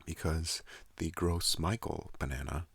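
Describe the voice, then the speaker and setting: In a dry studio recording, a young man hosting an ASMR channel murmurs softly near the microphone. The talk is slow and calm with stretches of whisper, carried by a deep, gravelly, soft voice.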